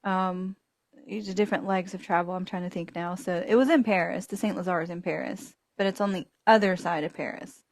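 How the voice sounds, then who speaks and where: Laughing as she goes, a woman hosting a podcast recounts a travel mishap and animates it by performing the characters' lines. She speaks in a lowish voice, a little fast, and the studio sound is clean with no echo.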